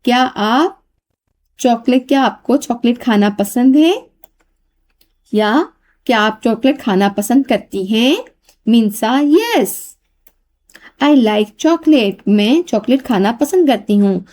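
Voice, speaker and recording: A woman's voice: a little high, unhurried, darkish tone. A woman teacher explaining an English workbook exercise, spelling each word letter by letter and translating it. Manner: spells words letter by letter, then repeats and translates them.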